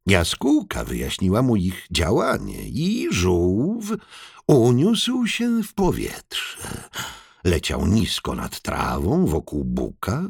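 A man reads a children's story aloud, slow and deliberate. His pitch swoops widely from line to line, and his voice is gravelly and a little husky. The sound is close and dry. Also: no room sound. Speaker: audiobook narrator. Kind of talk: scripted children's story narration.

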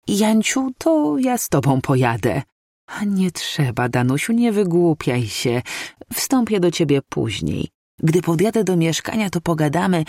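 A reader voicing an elderly woman, a gentle grandmother talking softly and fondly on the phone. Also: medium pitch, no room sound, clean studio sound. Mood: calm. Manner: soft, affectionate phone talk.

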